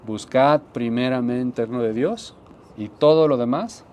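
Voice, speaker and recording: A man's voice: medium pitch, measured pace, slight background noise. Earnest man preaching a testimony. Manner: earnest, repetitive, drops to soft tones for emphasis. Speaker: pastor. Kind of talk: sermon testimony.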